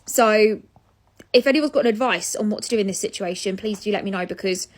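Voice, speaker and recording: A young woman with a British accent tells a story straight to camera in a loose, chatty way. She sounds exasperated and swears casually as she goes. Her pitch sits in the middle range for a woman. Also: brisk. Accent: British English. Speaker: vlogger.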